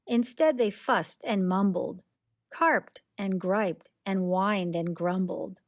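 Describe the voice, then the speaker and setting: With a medium-pitched voice, a woman gives an expressive, carefully paced reading of a rhyming children's picture book.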